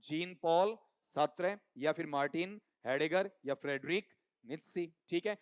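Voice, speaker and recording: A man's voice: a little high, normal speed, clean tone, no room sound, studio quality. A man teaching an exam coaching class, quizzing students with call-and-response questions. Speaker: English teacher.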